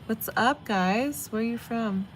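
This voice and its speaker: Broadcasting from her home in Vietnam, this young San Diego, California native talks casually to livestream viewers as she does her makeup and reads tarot. Her voice is fairly high and her pace measured. The audio is poor, with faint noise in the background.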